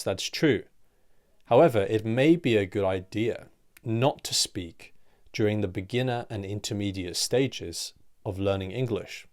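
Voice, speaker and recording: A male English teacher with a slightly low voice gives a scripted explanatory lesson in a measured read. His delivery is clear and deliberate, sprinkled with rhetorical questions, and his phrases soften as they fade out at the end.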